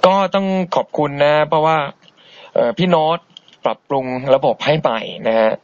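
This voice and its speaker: A man hosts an internet radio show, reading out listener messages and answering them in an easygoing, polite, chatty way with soft-spoken asides. His intonation is lively, his pace moderate, and there's no echo, though the low-bitrate stream sounds dull and boxy.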